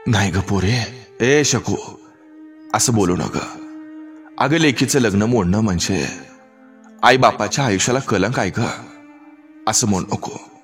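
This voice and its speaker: A man voicing a humble, pleading village father with a rural Marathi accent, speaking softly and tearfully. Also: on the low side, unhurried, long pauses, soft background music, natural voice. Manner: soft, begging and tearful.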